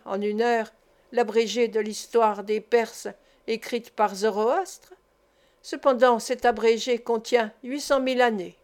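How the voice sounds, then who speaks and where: A woman reading a philosophical tale aloud as an audiobook, in a measured, even storytelling manner. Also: fairly high pitch. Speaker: audiobook reader. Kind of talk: literary audiobook narration.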